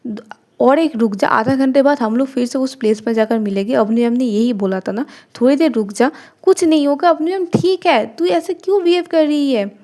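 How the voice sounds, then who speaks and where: A woman's voice: high voice, normal speed, mellow. A woman voicing a bossy young female friend who fusses and scolds, told in a Hindi storytelling narration. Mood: scolding. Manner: bossy, fussing, calls out urgently.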